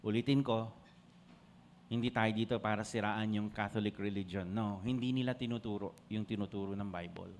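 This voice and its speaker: A man's voice: on the low side, fairly even intonation, normal speed, slight background noise. A man with a Filipino accent preaching a sermon, switching between Tagalog and English and calling on the congregation to answer. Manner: asks the congregation for responses. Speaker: pastor.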